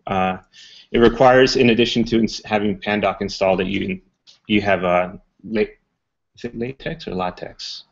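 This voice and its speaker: Low-voiced man giving a casual tech talk. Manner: relaxed, many ums and uhs, restarts. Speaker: presenter. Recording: muffled talk recording.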